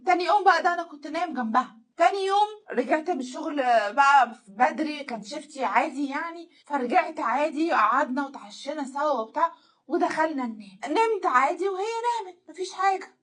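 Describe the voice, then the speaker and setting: Fast-talking Egyptian woman telling a story. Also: high-pitched, a bit bright. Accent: Egyptian Arabic. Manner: rapid, conversational, full of fillers. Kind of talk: first-person dramatic story narration.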